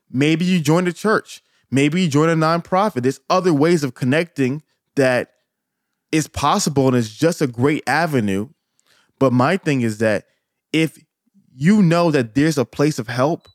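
A man's voice: a little high, no room sound, clean studio sound. A man co-hosting a podcast, talking earnestly and repeating phrases for emphasis. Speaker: podcast co-host. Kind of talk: casual podcast talk.

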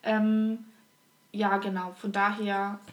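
A woman's voice: medium pitch, level tone, slow, far from the mic, lo-fi sound. A young woman co-hosting a podcast, chatting casually and gushing as she retells TV scenes with lots of fillers. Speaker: podcast co-host. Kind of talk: casual chat about a TV series.

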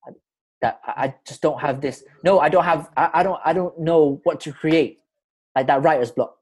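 A male podcast host with a London roadman accent keeps a casual chat going in informal urban slang, often repeating himself. His voice is on the high side, and he speaks at normal speed.

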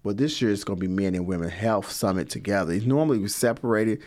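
A middle-aged man, a guest in an interview, answering in a relaxed, rambling way with many fillers. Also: lowish voice, fast. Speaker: guest, community organizer.

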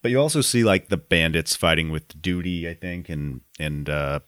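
A man's voice: low-pitched, moderate pace, a bit bright, smooth, dry recording, studio quality. A man co-hosting a podcast, telling game stories with enthusiasm and lots of "like.". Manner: enthusiastic storytelling, filler "like" throughout. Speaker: podcast co-host. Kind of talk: casual gaming chat.

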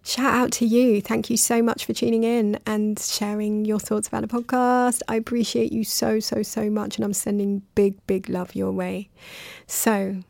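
Creaky-voiced woman hosting a reflective podcast. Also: medium pitch, little pitch movement, normal speed, a little mellow, no echo. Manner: reflective, earnest, affectionate toward listeners. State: emotional, recently crying. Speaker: podcast host and creative coach. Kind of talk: casual solo podcast monologue.

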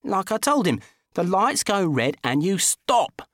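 A man doing a cheeky, hot-headed flatmate. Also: sits high, a little slow, no room sound, clean studio sound, voice pushed up, exaggerated voice. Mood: indignant. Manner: wheedling, indignant, sulky.

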